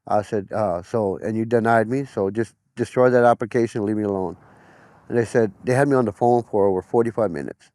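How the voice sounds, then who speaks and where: A man's voice: fairly low pitch, fairly quick, mellow, dry recording, clean studio sound. A middle-aged man giving personal testimony in an interview, plain-spoken, often retelling conversations as quoted dialogue.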